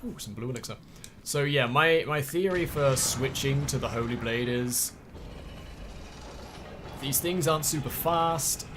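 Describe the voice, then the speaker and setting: A man's voice: mid-range voice, measured pace, long pauses, noisy background. A tired man giving wry, rambling, self-mocking commentary while live-streaming a video game. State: tired, yawning. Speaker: let's play streamer. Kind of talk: casual live gameplay commentary.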